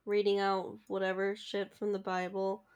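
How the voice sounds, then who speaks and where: Gravelly sardonic woman. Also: medium pitch, completely flat delivery, moderate pace, a little mellow. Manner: sardonic, swears. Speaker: podcast co-host. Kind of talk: casual chat.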